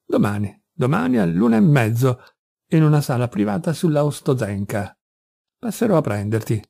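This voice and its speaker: A man's voice: on the high side, sing-song, normal speed, gravelly, mellow, no echo, exaggerated voice. A man reading an eager, persuasive young friend. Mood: brisk. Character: lively enthusiastic young male friend.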